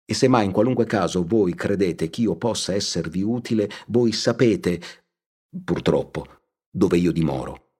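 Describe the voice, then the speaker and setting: A repentant nobleman, read by a man, pleads in humble, solemn tones. His voice is low and husky. It is a storybook reading. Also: lively intonation, normal speed, warm tone. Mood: pleading. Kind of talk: audiobook reading.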